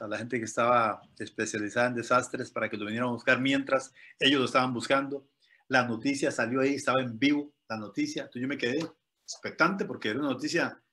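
A man's voice: medium pitch, fairly bright tone. A man from Rica, telling a dramatic story as a motivational speaker. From Costa Rica.

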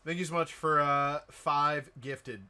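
A man's voice: on the high side, fairly even intonation, unhurried, pushed and bright, clear, resonant tone. An American man chatting casually on a livestream, rowdy and jokey, swearing freely. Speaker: live streamer. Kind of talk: casual, profane livestream chat.

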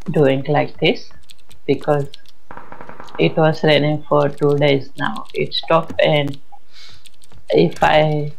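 Sleepy gamer, super slow n creaky, casual chat, keys clicking. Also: mid-range voice, level tone, poor audio. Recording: faint noise with keyboard clicks.

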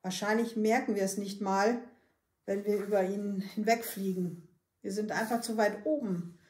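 A woman reading the lines of a young boy adventurer in a children's book, in an earnest, gently pleading way. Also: medium pitch, fairly even intonation, moderate pace, roomy sound, natural voice.

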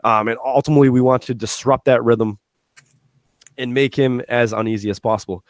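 A man's voice: mid-range voice, dry recording. A young man hosting a live football coaching clinic on a video call, talking casually with many fillers, through an earphone mic. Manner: relaxed, quick, lots of fillers and restarts. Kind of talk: casual live-stream presentation. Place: small room at home.

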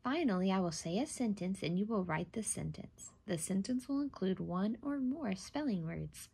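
A woman reading out a scripted spelling test as a teacher, enunciating deliberately and setting words apart. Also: medium pitch, animated, gravelly, mellow, breathy edge. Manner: deliberate enunciation, isolating each word and repeating it.

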